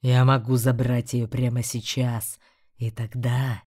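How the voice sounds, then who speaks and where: A woman putting on a mocking ancient demon from a fantasy audiobook, his voice dropped extremely deep and dark. He growls each word out at a crawling pace, dry and close to the mic. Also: level tone, breathy edge, no echo, heavily acted. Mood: taunting. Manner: slow, drawn-out growling delivery. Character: menacing ancient male demon beast, mocking. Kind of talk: audiobook character voice.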